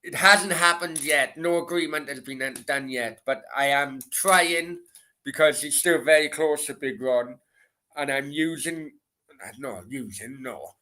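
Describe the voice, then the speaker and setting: A man's voice: a little high, unhurried, bright, forceful tone. A middle-aged man with a Welsh Valleys accent, chatting casually as a livestream host in a sweary, rambling, repetitive way. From Merthyr, south Wales. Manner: sweary, rambling, repeats himself. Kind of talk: casual late-night football Q and A chat.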